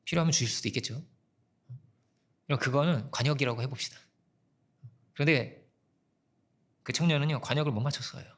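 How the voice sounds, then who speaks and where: A man preaching a sermon as pastor, telling a story in a conversational way and dropping his voice softly when he quotes people. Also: mid-range voice, fairly quick, pauses often. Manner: conversational storytelling, quoting people and God in soft asides.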